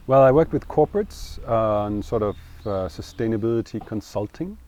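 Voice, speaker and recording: A middle-aged man, speaking in English, talking earnestly and thoughtfully in an interview and pausing to find his words. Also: on the low side, lively intonation, a little mellow. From Denmark. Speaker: co-founder interviewee. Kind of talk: reflective interview talk.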